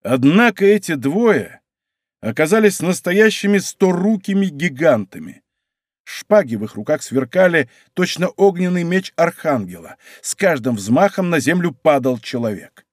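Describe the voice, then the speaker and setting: A man narrates a historical adventure audiobook with vivid, dramatic storytelling. His voice sits fairly high and swings widely in pitch. The studio sound is close and dry. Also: very animated, moderate pace, dry recording. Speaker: audiobook reader. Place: recording studio.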